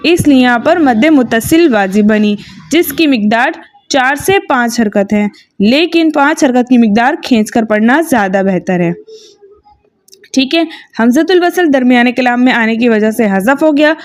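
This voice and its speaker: High-voiced, patient woman teaching recitation. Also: animated. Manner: patient, methodical, repeats "okay" and checks understanding; slow drawn-out chanting when reciting verses. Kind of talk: tajweed lesson with recited examples.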